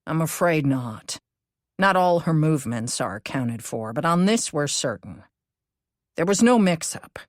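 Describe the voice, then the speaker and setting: A woman voices a calm, cautious businessman in a cozy mystery audiobook. He explains in a measured manner, low in register, with a dry, close sound. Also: no echo. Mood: concerned.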